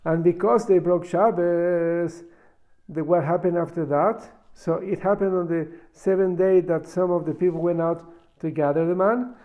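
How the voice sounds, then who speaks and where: A man giving a Talmud lesson as a religious teacher, reading and explaining in a halting, emphatic way with repeated words. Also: high voice, steady tone, dark tone. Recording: dull, lo-fi recording.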